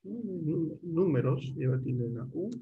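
A man's voice: medium pitch, normal speed, slightly rough, muffled recording. A middle-aged man teaching a computer class online, guiding students step by step and checking in often.

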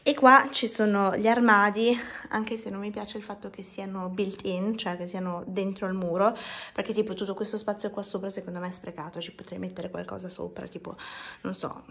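A woman's voice: mid-range voice, steady tone, fairly quick, creaky, a bit bright. A young woman giving a casual home tour, chatting with fillers as she walks through her apartment, filming on a handheld phone. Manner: walking while filming. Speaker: vlogger. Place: apartment rooms indoors. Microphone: phone held at arm's length.

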